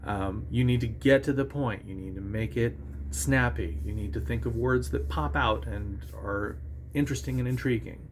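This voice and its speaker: A man giving a relaxed, conversational songwriting lesson, talking with restarts and sometimes singing short nonsense syllables as examples. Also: medium pitch, moderate pace, a little hiss or hum. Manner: self-assured about his own lyric writing. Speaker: songwriting teacher. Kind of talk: casual instructional talk.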